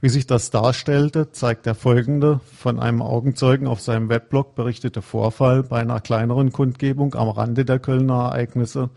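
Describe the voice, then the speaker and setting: A man giving a conference lecture, reading a prepared script in a measured, formal way. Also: mid-range voice, level tone, vocal fry, mellow. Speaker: conference speaker.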